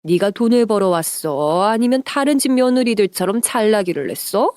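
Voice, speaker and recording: Woman playing a shrill, scornful older aunt. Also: expressive, moderate pace, dry recording, clean studio sound, lightly acted. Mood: shouting scornfully. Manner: shouting, scolding.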